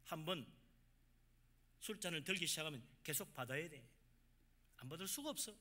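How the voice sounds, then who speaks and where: A man preaching a sermon as pastor of a church, with emphatic swings between loud exhortation and quiet asides. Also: a little high, animated, normal speed.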